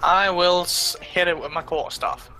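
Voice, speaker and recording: A man playing in a tabletop game, quickly explaining rules and arguing his moves. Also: high-pitched, fairly even intonation. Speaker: player.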